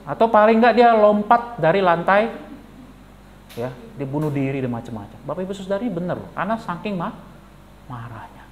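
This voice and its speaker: A male pastor giving a lively sermon, animated and jokey, questioning the congregation. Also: high-pitched, moderate pace, lo-fi sound, slight background noise. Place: church.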